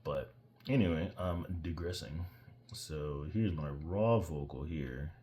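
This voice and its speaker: A man with a very deep voice talks through his own mixing session in a loose, offhand way. He rambles, drifts off topic now and then, and makes fun of his own skills. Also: slow, mellow. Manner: rambling, self-deprecating, digresses. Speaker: musician walking through his own mix. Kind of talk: casual screen-share tutorial.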